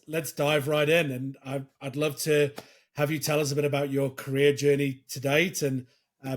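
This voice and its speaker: Husky-voiced male podcast host. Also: mid-range voice. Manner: scripted intro, then rambling questions with restarts. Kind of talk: podcast interview.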